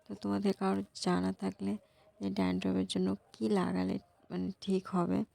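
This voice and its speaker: Hoarse, gravelly young woman vlogging softly. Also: monotone, brisk, no room sound. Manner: soft, low-volume talk. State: hoarse, voice gone from a cold. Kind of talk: casual vlog talk to viewers.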